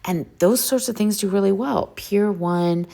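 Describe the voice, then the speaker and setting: A woman's voice: mid-range voice, a little slow, creaky, mellow. A woman hosting a casual how-to video, chatty and eager, talking straight to her viewers. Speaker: vintage reseller host. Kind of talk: casual how-to talk to camera.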